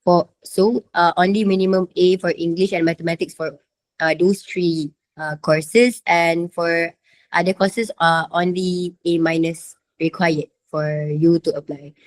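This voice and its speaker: A woman's voice: lowish voice, steady tone, unhurried. A young woman with a Malaysian accent, sick with a sore throat and fever, giving a hesitant, informal slide presentation as a student. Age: young adult.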